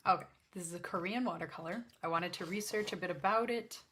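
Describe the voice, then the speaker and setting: Low-pitched, slightly gravelly woman chatting casually. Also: quick pace, noisy background. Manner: rambling, self-interrupting, apologetic. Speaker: host of an art livestream swatching watercolors. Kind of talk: casual chat to camera while demonstrating. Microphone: backup microphone.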